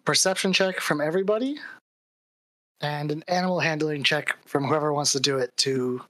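A woman narrates a tabletop adventure as dungeon master, in a low yet bright, forward voice. She talks casually, filling her narration with little asides. The sound is dry and close on a home mic. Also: steady tone, normal speed, dry recording, low-quality recording. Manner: casual, filler-laden narration.

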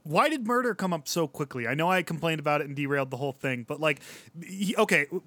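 A man's voice: on the high side, expressive, fast talker, fairly bright tone, no room sound. A man co-hosting a comedy podcast, reacting in disbelief, swearing freely and laughing often. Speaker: co-host. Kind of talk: casual comedy banter.

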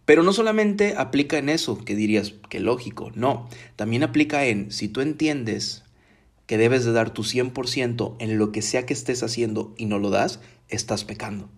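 A man preaching a casual sermon from his home, talking in a conversational, emphatic way and slowing down to stress key words. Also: mid-range voice. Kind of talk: casual live-streamed sermon.

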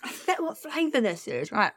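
A woman's voice: on the high side, sing-song, fairly quick, no echo. Brief: woman co-host with a stuffy nose, giggly and chatty, dry close mic. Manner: chatty, giggly, self-deprecating. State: bunged-up nose. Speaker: podcast co-host. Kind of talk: casual chat.

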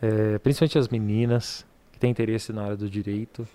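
A woman with a strikingly low voice hosts a relaxed podcast chat. She chimes in with teasing remarks and steers the talk with questions. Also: brisk, no echo. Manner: playful interjections, asks questions. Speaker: podcast host.

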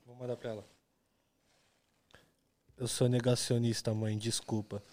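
Deadpan young paulista man. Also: mid-range voice, measured pace, heavy background noise. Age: 20s. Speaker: podcast co-host. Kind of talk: casual chat.

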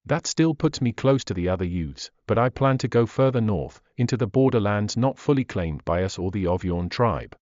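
A man's voice: on the low side, expressive, moderate pace, hardly any pauses, a little mellow, dry recording, muffled recording, lightly acted. A man voicing an earnest young archer. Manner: earnest, hesitant.

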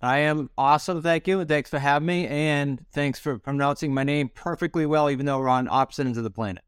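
A middle-aged man from Rhode Island answering interview questions as a guest, in a brisk, matter-of-fact way. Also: a little high, clean tone, no echo, studio quality. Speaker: guest, real estate investor.

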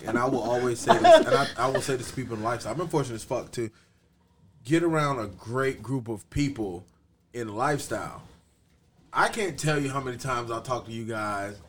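A man's voice: medium pitch, slight background noise. A man on a podcast talking emphatically and profanely in casual chat. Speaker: podcast co-host.

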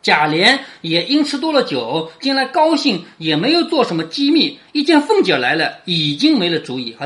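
A teacher explaining a chapter of a classic novel in a conversational way, often asking the listener "right?" and dropping to a quiet tag at the ends of sentences. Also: medium pitch.

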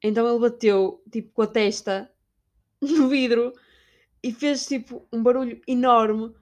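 A young woman with a European Portuguese accent, chatting casually about a trip and imitating people along the way. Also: unhurried. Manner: chatty, animated, imitates shouting staff in high voice. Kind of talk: casual storytelling vlog.

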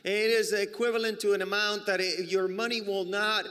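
A man with interprets a sermon phrase by phrase, pushing up emphatically on key words. His voice is high and bright, with a long hall reverb behind it. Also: level tone, moderate pace. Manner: echoes each phrase with emphatic rises. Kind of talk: live consecutive interpreting.

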